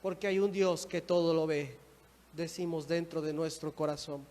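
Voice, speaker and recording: A man's voice: a little high, steady tone, normal speed, darkish tone. A man, a minister preaching a sermon with rising emphasis and acted-out quotes. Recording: church hall reverb.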